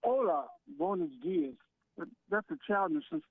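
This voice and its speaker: A man's voice: sits high, animated, a little slow, dry recording. A man from Michigan calling in to a radio show, arguing heatedly with the host and talking over him. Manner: argumentative, talks over the host. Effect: phone line. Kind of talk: heated call-in argument. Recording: tinny phone line.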